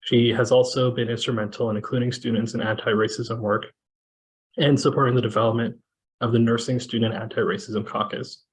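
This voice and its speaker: A man from Kenya moderating a panel discussion over a video call, talking in a measured way with many fillers. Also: medium pitch, steady tone, a little hiss or hum, rough recording. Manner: measured, with frequent fillers and restarts.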